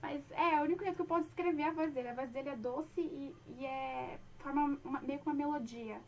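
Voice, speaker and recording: High-voiced gushing young woman, off-mic. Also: quick pace, recorded from a distance, slight background noise. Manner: gushing and chatty, with many fillers. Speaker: fan talking about a band. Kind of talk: casual chat.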